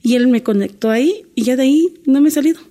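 In a candid interview, a middle-aged woman who works as a domestic worker recounts her life story earnestly, often restarting her sentences. She talks fast in a high-pitched voice with a dark tone.

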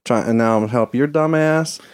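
A man's voice: mid-range voice, fairly quick, a little hiss or hum. A man chatting casually as a player in a tabletop game, with crude, joking banter. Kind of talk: casual chat.

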